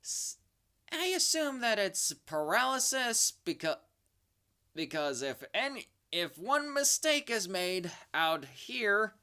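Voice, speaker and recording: A speaker presenting a countdown in a horror-host manner, with theatrically spooky asides and dramatic pauses. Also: medium pitch, sing-song, sharp tone, clear, resonant tone. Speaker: host of a top-ten creature countdown video. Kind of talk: spoken countdown commentary, semi-improvised.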